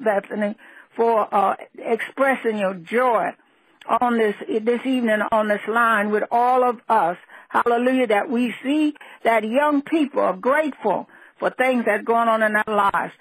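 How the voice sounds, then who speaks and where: A prayer line leader praying aloud over the phone in a steady way, with repeated hallelujahs. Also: mid-range voice, husky, rough recording. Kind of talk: spontaneous spoken prayer.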